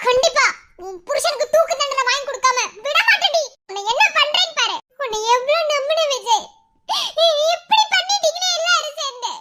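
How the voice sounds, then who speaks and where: A woman voicing an angry grieving woman who swears revenge for her brother, shouting threats with bitter laughs in a Madurai Tamil accent. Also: very high-pitched, lively intonation, brisk, exaggerated voice. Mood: furious vengeful.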